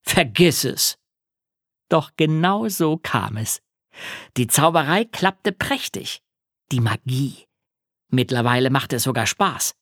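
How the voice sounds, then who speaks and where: A man reading a first-person children's story aloud, telling it with animation. His pitch rises and falls a great deal, and the recording is dry and close with no room echo. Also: a bit bright. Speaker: audiobook narrator. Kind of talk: scripted first-person narration.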